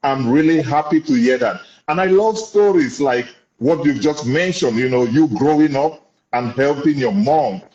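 A man's voice: mid-range voice, moderate pace, darkish tone. A man hosting a casual online interview, speaking in an encouraging, complimentary way. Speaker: host of a business interview show. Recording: muffled audio in an echoey room.

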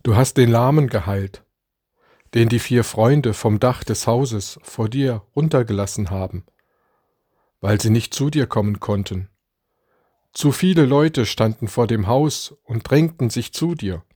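Male preacher, unhurried scripted devotional reading, dry booth-like sound. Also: mid-range voice, mellow, slightly rough, no echo. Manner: slow, deliberate reading with dramatic quoted lines. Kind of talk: read Advent devotion.

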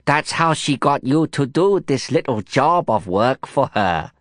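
A silky, threatening madam, voiced by a male audiobook narrator, drawls her words slowly with a lively, swooping pitch. Her menace sits under a theatrical sweetness, recorded dry and close. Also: no echo. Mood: mocking. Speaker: narrator voicing a character.

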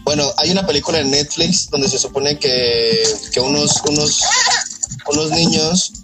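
A man's voice: a little high, moderate pace, over loud music, rough recording. A man with a Mexican accent co-hosting a podcast in casual, slangy conversation. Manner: informal, slangy. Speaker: podcast host. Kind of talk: casual chat.

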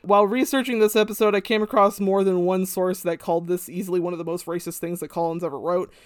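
A man's voice: high-pitched, fairly even intonation, fast, clean tone, no echo, studio quality. A man hosting a podcast, talking casually and sardonically, swearing now and then. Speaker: podcast host.

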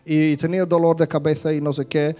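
A man's voice: fairly high pitch, flat delivery, brisk, darkish tone. A man giving a casual talk to an audience. He speaks conversationally, with many restarts, and acts out little scenes.

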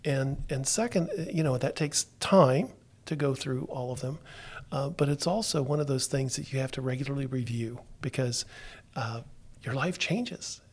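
Podcast host, male, from Florida; easygoing chat with frequent "uh"s and restarts. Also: medium pitch. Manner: unhurried, with many fillers and restarts. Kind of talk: casual talk-show chat.

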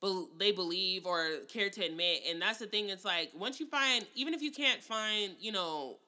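A woman on a casual podcast with a very bright, sharp-edged voice. She talks in a profane, emphatic rush, ranting straight at her listeners. Her pitch sits in the middle for a woman. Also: lively intonation, moderate pace.

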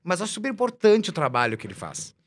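A man, a musician guest in a casual chat, talking in an animated, slangy, emphatic way. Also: high voice, quick pace.

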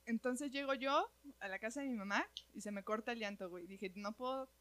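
A woman's voice: on the high side, fairly quick. Slangy Mexican woman telling a story. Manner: animated, slangy, often says "güey". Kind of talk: casual chat.

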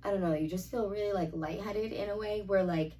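A woman's voice: medium pitch, a little fast, a crowd in the background. A young woman in casual chat, rambling with a constant "like" and casual swearing. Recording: slightly distant mic, faint background noise.

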